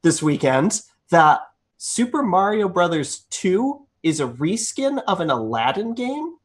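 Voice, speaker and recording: Co-host, male, slightly high voice, joking and rambling gamer chat. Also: big pitch swings, measured pace. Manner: joking, laughs often, rambling asides. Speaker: podcast co-host. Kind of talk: casual gaming podcast chat.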